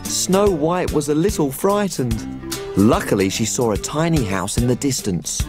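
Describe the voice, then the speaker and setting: Tiny bubbly female cook; very lively pitch, unhurried delivery, kids' TV with music under. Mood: storytelling. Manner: bubbly, giggly, sing-song. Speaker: children's TV presenter. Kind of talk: children's TV acting and storytelling.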